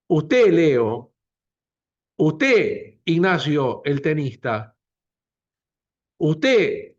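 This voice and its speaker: A man's voice: a little high, highs cut off. A man directing a doctoral program, giving an emphatic introductory speech at a book presentation in a university room and repeating key phrases for weight. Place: university lecture room, also streamed to video call.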